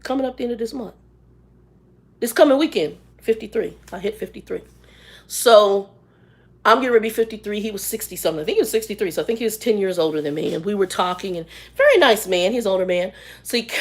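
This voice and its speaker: Animated woman in her fifties. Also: mid-range voice, fairly quick. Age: 50s. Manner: animated, laughing, talks straight to viewers. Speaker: vlogger. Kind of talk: casual storytelling chat.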